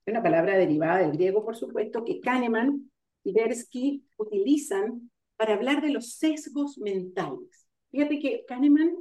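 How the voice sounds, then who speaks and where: Woman lecturer, mellow voice, slightly high, unhurried explaining with pauses, video call. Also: animated. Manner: explanatory, pausing with fillers to gather thoughts. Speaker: lecturer on ontological coaching. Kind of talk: online lecture. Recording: roomy sound, far from the mic.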